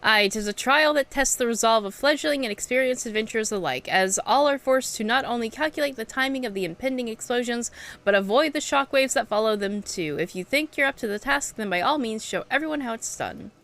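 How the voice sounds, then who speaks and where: A woman's voice: fairly high pitch, animated, brisk, fairly bright tone. A woman voicing a boastful male showman from a video game, reading his announcements aloud theatrically. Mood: showy.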